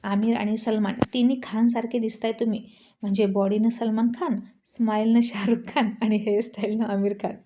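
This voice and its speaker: A cheeky young wife, teasing and self-assured, voiced by a woman. She bosses her husband around in a warm, mellow storybook voice. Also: on the high side, little pitch movement, brisk, a little hiss or hum, close to an everyday voice. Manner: teasing, playful and bossy. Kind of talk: storybook voice acting.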